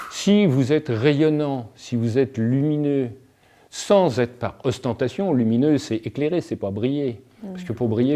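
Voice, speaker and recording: Mellow-voiced man musing philosophically. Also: mid-range voice. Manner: philosophical, playful, uses wordplay and anecdotes. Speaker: guest speaker. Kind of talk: reflective talk in a discussion.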